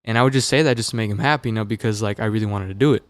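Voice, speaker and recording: A man's voice: fairly low pitch, rapid-fire, no room sound. A young man from Las Vegas, a musician guest on a podcast, telling stories loosely with lots of fillers. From Las Vegas, USA. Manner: relaxed, loose, filler-heavy storytelling. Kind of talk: casual interview chat. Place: podcast studio. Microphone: dynamic studio mic.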